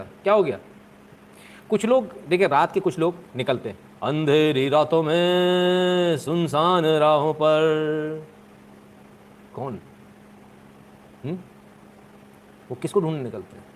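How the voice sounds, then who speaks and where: A man's voice: fairly high pitch, sing-song, brisk, pauses often, darkish tone, a little hiss or hum. A man hosting a live stream, chatting casually with viewers in a joking, sarcastic way.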